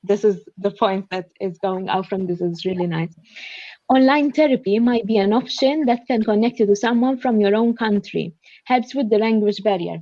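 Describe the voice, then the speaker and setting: A young Maltese woman speaks on an online student panel from her shared flat, reading out notes with a Maltese accent and lots of fillers as she thinks aloud. Her mid-range voice is warm and moderately paced, and she's earnest. The computer mic on the video call gives a dry sound with the highs cut off.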